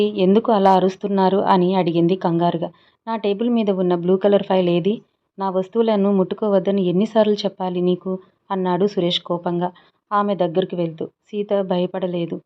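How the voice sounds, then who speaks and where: Calm woman narrating a story. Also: lowish voice. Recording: dull lo-fi audio.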